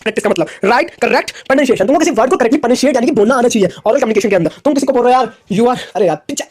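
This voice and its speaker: Brief: young male lecturer, very rapid delivery, repeats himself, constantly checks in with the class. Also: extremely high pitch, animated, a little mellow, husky. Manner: rapid, repetitive, asks "theek hai?" often. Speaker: commerce lecturer. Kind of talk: casual Hinglish classroom lecture.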